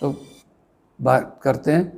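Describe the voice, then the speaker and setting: A man with an Indian accent teaching an English pronunciation lesson, pairing words and spelling them out letter by letter in a deliberate way. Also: medium pitch, vocal fry, a little mellow.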